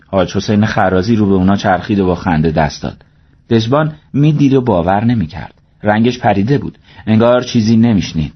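A man narrating an audiobook story in a steady, measured reading voice, in a dull lo-fi recording. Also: lowish voice, husky.

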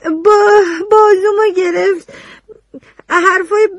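A frightened young woman on the witness stand in a radio drama, her high voice creaky and halting as she fights back tears. The sound is close and dry. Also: a bit bright, no echo. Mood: tearful. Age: young adult. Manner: halting, tearful, sullen.

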